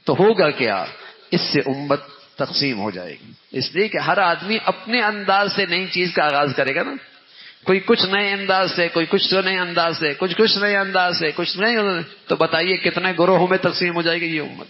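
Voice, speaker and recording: A man delivers a Ramadan sermon, stressing his points by repeating them and swinging his voice up and down. His voice sits fairly high. The recording is dull and lo-fi, and a long reverb trails each phrase through a mosque hall. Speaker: religious teacher.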